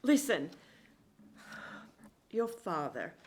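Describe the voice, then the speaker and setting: A woman's voice: lowish voice, big pitch swings, drawn-out words, darkish tone, slight background noise, full character voice. An actress playing a secretive mother who stammers and hesitates when pressed about the past, in an audio drama. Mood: evasive. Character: worried secretive mother of grown daughter.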